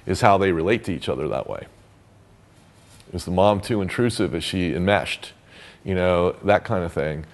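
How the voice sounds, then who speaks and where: A man's voice: low voice, lively intonation, normal speed, pauses often. A man teaching therapy techniques in a loose, conversational way, with many fillers and restarts. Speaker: therapy trainer. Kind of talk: casual teaching talk.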